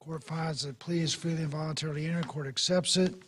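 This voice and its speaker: A male judge with a raspy voice that is giving out, running court proceedings in a formal, procedural way. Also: fairly high pitch, fairly even intonation, fast, fairly bright tone, slight background noise. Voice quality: raspy, husky. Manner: procedural, reading out case details in clipped phrases. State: losing his voice, throat-clearing. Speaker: judge presiding over court hearing.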